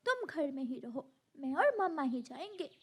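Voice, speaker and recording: A cheeky young boy sparrow teases and bosses his little sister. His voice is high and lively, pitched a little lower than hers. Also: normal speed. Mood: teasing. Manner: teasing, bossy.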